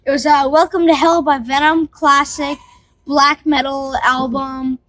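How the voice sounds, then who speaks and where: A woman's voice: high-pitched, level tone, a little slow, fairly bright tone, no echo. A woman co-hosting a casual music chat, hesitant with many fillers, heard from a distance from the mic. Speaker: co-host. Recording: voice from off-mic with faint hiss.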